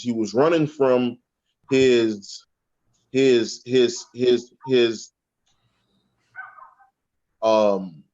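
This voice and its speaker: A man's voice: medium pitch, a little mellow, lo-fi sound. A man in casual spiritual talk, profane, often repeating words and checking in with "okay?". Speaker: guest speaker on a spiritual panel.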